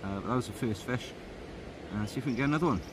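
A fishing vlogger in his thirties holds a phone or action camera at arm's length by a river in the woods, narrating his trip in a relaxed, rambling way full of ums. His mid-range voice races along over heavy background noise.

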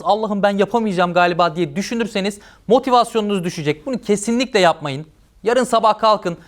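A man anchoring an educational news bulletin, presenting in a brisk, upbeat and encouraging way. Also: sits high.

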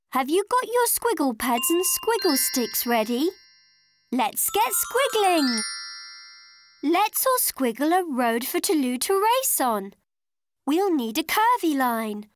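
A woman's voice: high voice, sing-song, takes it slowly, long pauses, heavily acted. A woman playing a cheerful childlike children's show presenter, encouraging and singsong like a kids' party magician. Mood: friendly, eager. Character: Squiglet, cheerful childlike drawing-show character.

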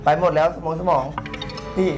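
A young man playing a blunt, deadpan sidekick in a short film. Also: normal speed, natural voice. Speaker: younger brother figure. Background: loud music.

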